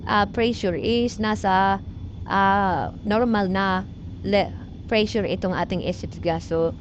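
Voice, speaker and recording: In this muffled, lo-fi clip with background noise, a woman with a Filipino accent vlogs a casual tech tutorial. She speaks at a medium pitch, explaining in a halting, repetitive way and slipping in English technical terms.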